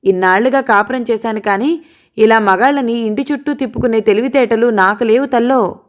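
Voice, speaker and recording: A woman voicing a scornful older mother who shouts, taunts and wails at her son's lover, in an audiobook. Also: mid-range voice, normal speed, lightly acted. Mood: furious shouting. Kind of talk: audiobook character voice.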